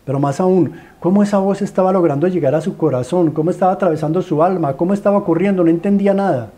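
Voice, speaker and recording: A man's voice: sits high, fast talker, mellow. A man with a Colombian accent preaching a sermon as a dramatic story, stacking rhetorical questions and repeated phrases in a pleading way.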